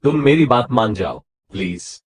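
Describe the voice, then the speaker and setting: A man voicing an affectionate young husband who teases and softly coaxes his wife in an audiobook romance. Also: medium pitch, big pitch swings, normal speed, breathy edge. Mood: coaxing. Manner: soft, coaxing apologies.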